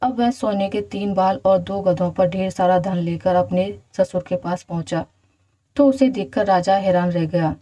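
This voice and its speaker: A woman narrating a children's fairy tale in a steady, even storytelling manner. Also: mid-range voice, unhurried, rough recording.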